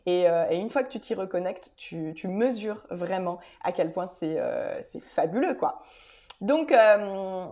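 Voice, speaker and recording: A woman vlogger speaking straight to her audience in a loose, informal way. Her talk is full of filler sounds, restarts and little detours as she explains at a medium pitch. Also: expressive, measured pace, warm tone. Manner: chatty, many filler hesitations and restarts; addresses viewers directly and informally. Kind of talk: casual explanatory video talk.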